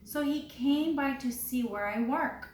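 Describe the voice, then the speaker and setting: A woman reading aloud as a kind, reassuring man who works at a soup kitchen, speaking in a gentle, joking way. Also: high-pitched, a little slow. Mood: welcoming. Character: kindly middle-aged male soup kitchen worker. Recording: roomy with faint background hiss.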